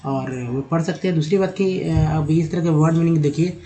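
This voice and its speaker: A man teaching English pronunciation to viewers, slowly spelling out letters and sounding out words, often calling his viewers friends. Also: a little high, fairly even intonation, mellow. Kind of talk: explaining a lesson in Hindi.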